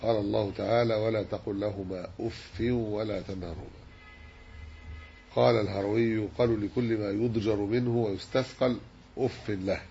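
A man teaching a religious lesson, measured and explanatory as he works through a hadith commentary. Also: lowish voice, steady tone, vocal fry, mellow. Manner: measured, explanatory, dwells on word forms. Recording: dull lo-fi recording with faint hiss.

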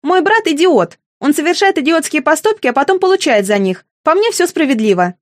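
A sardonic teenage girl, cool and dismissive, as a woman reads her in an audiobook. She talks in a flippant, mocking way, pitched high above an ordinary voice. The sound is dry and close. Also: very animated, a little fast, no room sound.

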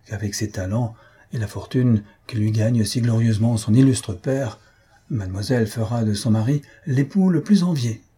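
A man voicing a smooth, flattering male guest in a comic story. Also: medium pitch, normal speed.

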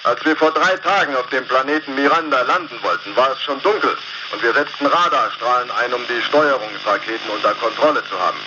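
An actor playing a stranded spaceship captain in a radio play, reporting in a plain, matter-of-fact way through a sci-fi radio communicator. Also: male voice, medium pitch, fairly quick. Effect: sci-fi radio communicator transmission. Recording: dull lo-fi sound with clear hiss.

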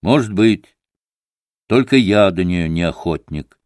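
A man's voice: deep voice, lively intonation, measured pace, no echo, studio quality. A man reading an audiobook, voicing an irritable, feverish young man who speaks curtly and sardonically. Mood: bitter. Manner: curt and sardonic.

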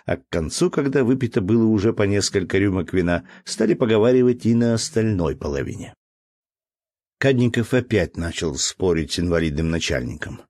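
A man narrating a classic novel in a measured, even reading. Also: low-pitched, no echo. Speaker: audiobook narrator.

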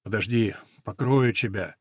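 Brief: gloomy old jockey, by a man, deep and muffled, storybook. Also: measured pace, breathy edge, no room sound, clean studio sound. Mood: gruff. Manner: low, muffled, heavy. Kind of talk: storybook reading.

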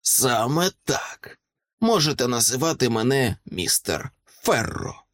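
Male narrator playing a haughty, scornful dragon in human form, slow drawl, animated pitch, audiobook. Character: smug disdainful dragon in a small man's guise. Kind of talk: audiobook character reading.

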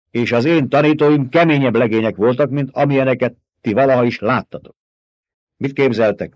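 Guy reading out a young rebel leader, pushy questions, a bit higher and louder, dull dry sound. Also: no echo, lightly acted. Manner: forceful, rhetorical, challenging questions. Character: young man, commanding rebel leader addressing a crowd. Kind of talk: audiobook character voice.

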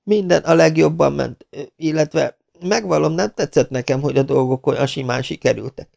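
A man's voice: on the high side, gravelly, darkish tone, voice pushed up. A man voicing a beaten young man who pleads and groans as he tells what happened, in an audiobook reading. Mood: pleading. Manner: breathless, pleading.

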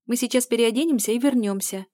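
A woman reading as a sharp-tongued young mother. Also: on the high side, fast talker, no room sound, clean studio sound, pitched above the performer's own voice, natural voice. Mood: indignant. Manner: cutting, indignant. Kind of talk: audiobook dialogue reading.

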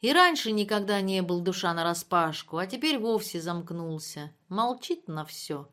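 A woman reading literary prose as an audiobook narrator, measured and subdued. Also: fairly low pitch, lively intonation, a bit bright.

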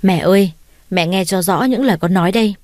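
A woman's voice: medium pitch, brisk, no echo, natural voice. A proud, scheming young woman in an audio story, cold and cutting in her speech. A woman voices her in her usual tone. The recording is dry and close to the mic. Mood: indignant. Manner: cold, sharp.

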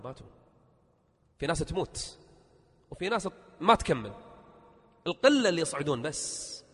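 A male preacher, telling stories in a sermon and rising to forceful exhortation. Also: on the high side, breathy edge. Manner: tells stories, acting out the people in them. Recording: reverberant hall.

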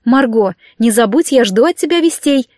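Storybook figure: a brisk, cheerful queen, as a woman reads her, bright-voiced and gracious. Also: fairly high pitch, lively intonation, no room sound, clean studio sound, close to an everyday voice.

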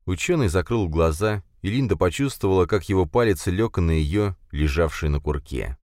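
A man narrating a thriller audiobook in an expressive, tense reading. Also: low-pitched, moderate pace, no room sound, studio quality.

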